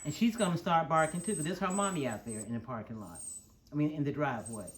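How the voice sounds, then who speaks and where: A middle-aged woman with a deep voice talks quickly as she demonstrates a recipe at home, her dogs close by. She firmly orders them to quit barking, then walks through every step in plain terms. A little hiss or hum sits under the audio.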